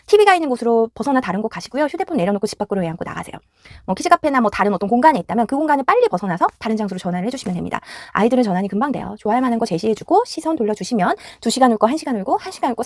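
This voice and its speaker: A woman's voice: fairly high pitch, big pitch swings, very fast, no room sound. A woman giving parents a direct, instructive talk on child rearing, acting out home scenes as she goes. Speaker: parenting educator.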